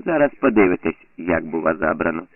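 A man putting on a bullying male Soviet grain official, sneering and loud, with mocking scorn. The voice sits deep with a gravelly edge, and the audio is thin and tinny like a phone line. It plays as an audiobook scene. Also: lively intonation, a little fast, exaggerated voice. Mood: scornful.

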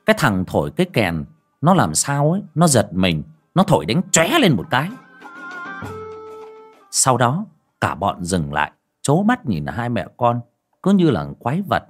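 A man's voice: medium pitch, huge pitch swings, measured pace, soft background music. A man narrating a horror story audiobook dramatically.

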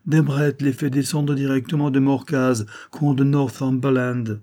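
A man voicing a gentle, elegant middle-aged noblewoman who pleads and reproaches in an audiobook. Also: medium pitch, flat delivery, a little slow, pitched above the performer's own voice, natural voice. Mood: pleading. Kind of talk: audiobook character voice.

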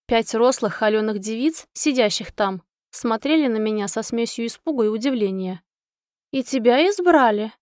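A woman narrating a first-person fairy-tale story in a lively, expressive way. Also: on the high side, moderate pace, hardly any pauses, no room sound, studio quality. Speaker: audiobook narrator.

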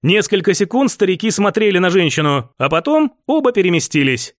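A narrator reading a fantasy audiobook in an even storytelling tone with dry humor. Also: mid-range voice, fairly quick, no echo.

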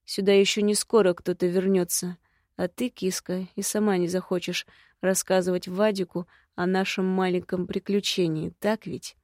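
A woman's voice: fairly low pitch, level tone, normal speed, darkish tone, dry recording, studio quality, lightly acted. A woman reading a drunk brutal young thug. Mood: menacing taunt. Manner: menacing, taunting. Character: drunk brutal young man, violent assailant.

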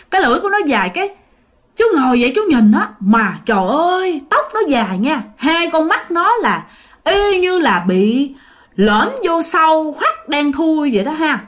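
A woman's voice: sits high, a bit bright. A woman telling a ghost story casually, addressing her listeners directly.

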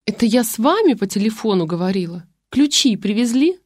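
A woman's voice: on the high side, very animated, brisk, no room sound, clean studio sound. A woman voicing a harried young mother who snaps back sharply. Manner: sharp, snappy.

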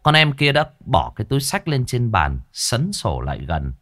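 A man telling a story in an earthy, colloquial, animated way. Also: medium pitch, moderate pace. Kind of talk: storytelling narration.

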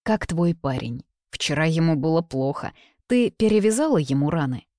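A cocky young man who teases and provokes, read by a woman. His lines come in a low, mocking voice, close and dry, with no room around it. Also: expressive, normal speed, warm tone, no room sound. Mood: teasing.

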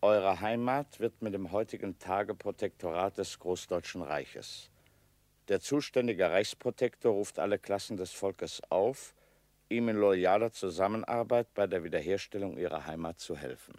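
Man as low, dry official decree reader. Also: a little mellow, no echo, close to an everyday voice. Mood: official, stern. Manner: measured, official. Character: sober official reader of Nazi occupation decree. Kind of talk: formal reading of proclamation.

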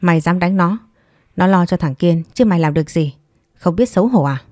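Give me a hoarse, spiteful old mother-in-law in a storybook reading, put on by a woman narrator. She scolds fast and loud in a low, dark voice. The recording is dry and close. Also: dry recording, lightly acted. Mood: furious. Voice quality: hoarse, thick voice.

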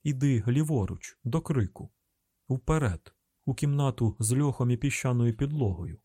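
A man with a Ukrainian accent narrating an audiobook in a tense, measured storytelling manner. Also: mid-range voice, lively intonation, dark tone, breathy edge, dry recording, studio quality. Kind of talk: scripted narration.

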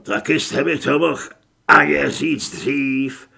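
A man voicing a coarse, hot-tempered thug who talks hoarse and rough in an audiobook. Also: medium pitch, sharp tone, voice pushed down, full character voice. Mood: gruff.

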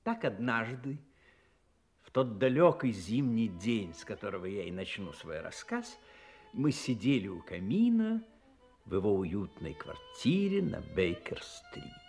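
A man's voice: on the low side, wildly swooping pitch, a little slow, darkish tone, faint music behind, heavily acted. A man acting a genial, middle-aged retired army doctor in an audio play, courteous and confiding as he narrates and converses. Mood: confiding, slightly vexed. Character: Doctor Watson, genial retired army doctor, admiring yet touchy friend. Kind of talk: theatrical radio-play storytelling.

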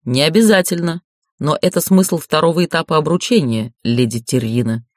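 A woman reading an audiobook, voicing a male priest who explains old marriage vows in a formal, measured way. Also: a little high, no echo, clean studio sound, close to an everyday voice.

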